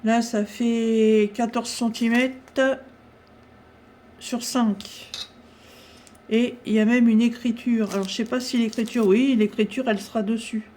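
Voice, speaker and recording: A woman chatting casually through a craft-supply haul, talking with many pauses and fillers. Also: on the high side, steady tone, warm tone.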